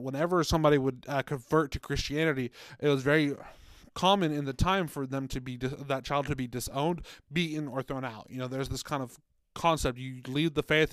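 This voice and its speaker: His voice is medium-pitched, clear and resonant as he earnestly and conversationally retells a story for a faith podcast, voicing the quotes. He's a co-host who previously worked in children's ministry. The room is dry and close, without echo.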